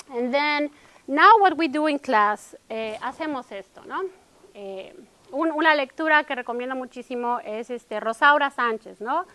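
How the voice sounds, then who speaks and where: High-voiced Mexican woman presenting a workshop. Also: a bit bright. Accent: Mexican Spanish. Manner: code-switches between Spanish and English, frequent tag questions. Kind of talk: academic workshop talk.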